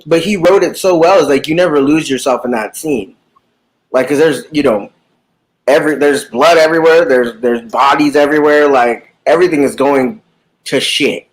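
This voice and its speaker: A man's voice: on the high side, moderate pace, poor audio. A man in a casual live book chat, talking animatedly about a book, with frequent swearing and lots of fillers. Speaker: book discussion participant.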